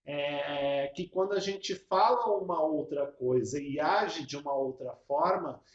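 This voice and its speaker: Man, higher voice, music teacher demoing a clapping game, chanting syllables, echoey room. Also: a little slow, muffled recording. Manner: explains step by step, chants rhythmic syllables. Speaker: music educator. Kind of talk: casual teaching video.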